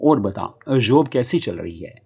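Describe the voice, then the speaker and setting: A man's voice: on the low side, animated, measured pace, vocal fry, darkish tone, slightly rough, exaggerated voice. A man voicing a cheerful yet lonely middle-aged mother who talks in an easygoing, reassuring way. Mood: fond.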